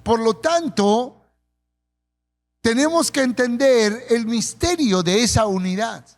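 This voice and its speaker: High-voiced Peruvian pastor preaching. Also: male voice, lively intonation. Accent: Peruvian Spanish. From Peru. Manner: storytelling with acted quotes, slowing for emphasis. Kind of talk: sermon. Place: church.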